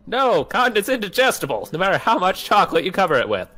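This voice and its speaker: A man's voice: high voice, very animated, quick pace, pushed and bright, faint music behind, voice pushed up, heavily acted. A man voicing a chirpy, folksy carnival clown vendor in a video game, boasting and selling with showman patter. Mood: folksy bragging. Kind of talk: improvised character voice for a video game read-along.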